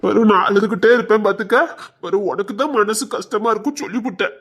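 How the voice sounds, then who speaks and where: Brief: woman as a sulky young village man, mid-pitched, pleading and mock-crying. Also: quick pace, breathy edge. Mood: whiny. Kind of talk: village romance drama acting.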